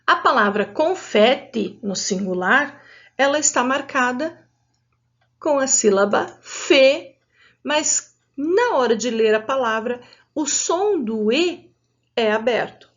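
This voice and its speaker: A woman teacher with a Brazilian Portuguese accent, giving an adult literacy lesson slowly and patiently and sounding out each syllable. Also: a little high, animated, a bit bright, muffled recording.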